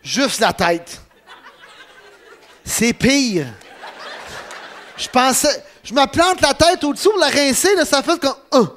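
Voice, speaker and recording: A man with a Quebec French accent, telling a comic story in an excitable way, laughing and letting out yelps. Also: extremely high pitch, slight background noise. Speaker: radio host.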